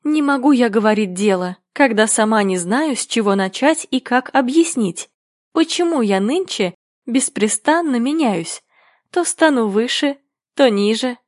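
A woman's voice: on the high side, lively intonation, a little slow, no echo, studio quality. A woman voicing a polite, confused little girl who grows flustered as she talks.

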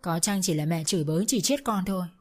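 A woman's voice: lowish voice, lively intonation, fast, faint music behind. Woman voicing a stammering wronged young wife. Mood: pleading. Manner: stammering, pleading, defensive. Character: wronged young daughter-in-law, anxious.

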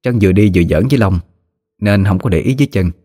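A man with a Southern Vietnamese accent narrating a story in a lively, slangy, teasing way. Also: on the low side, fast, dry recording. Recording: faint music behind.

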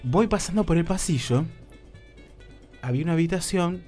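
A young man with a Rioplatense Spanish accent, telling a comic story on a radio show, animated and acting out his own lines, using crude slang. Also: fairly high pitch, moderate pace, soft background music.

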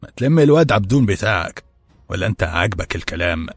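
A man voicing a gruff, hot-tempered head cook with a harsh, gravelly voice and an Egyptian accent, barking insults. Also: lowish voice, animated, quick pace, no echo, soft background music. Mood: angry. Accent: Egyptian Arabic.

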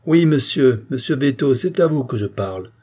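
A man voicing a burly butcher who booms accusations at a king in a storybook reading. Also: fairly even intonation, moderate pace, warm tone, slightly rough. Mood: menacing. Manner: booming, accusing, commanding. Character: loud threatening butcher, burly man with a booming voice.

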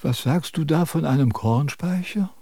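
An actor playing a self-important sage who lectures and scolds in a radio drama. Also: male voice, on the high side, normal speed, warm tone, slightly rough, dry recording, clean studio sound. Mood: lecturing. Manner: pompous, preachy, scolding.

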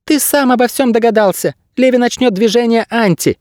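Ptah, a squeaky smug bird. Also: male voice, a little fast, darkish tone, no echo, studio quality. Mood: smug, evasive. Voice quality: thin squeaky voice. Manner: evasive and boastful. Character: smug squeaky little male bird guide. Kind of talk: audiobook character voice.

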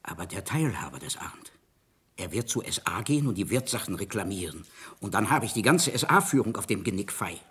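An actor playing an anxious, cornered judge in a radio play, stammering and pleading with rising panic, with a husky voice. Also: male voice, on the low side, sing-song, fairly quick, a bit bright, exaggerated voice. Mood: worried. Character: anxious, cornered middle-aged male judge. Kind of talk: radio drama acting.

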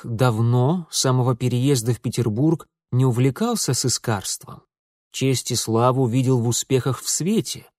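A man narrating an audiobook in an even, measured reading. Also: medium pitch, no room sound, clean studio sound. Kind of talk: scripted narration.

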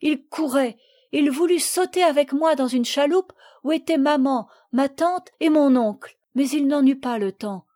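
A woman reading the part of a little girl who sadly recounts a shipwreck, in a gentle, measured voice. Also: high voice. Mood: sad, earnest. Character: little girl recalling a shipwreck, sad and earnest. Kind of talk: audiobook reading.

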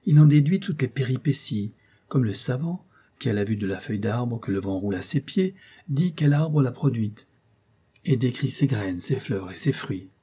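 A man narrating a classic novel as an audiobook, in a measured, expressive storytelling manner. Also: medium pitch, husky.

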